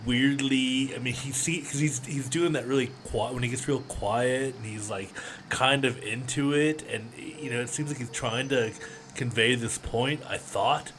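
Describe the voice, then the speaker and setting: Podcast co-host, man, bright tone, giggly, meandering. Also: medium pitch, moderate pace, slight background noise. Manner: laughs often, trails off and restarts. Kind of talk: casual chat.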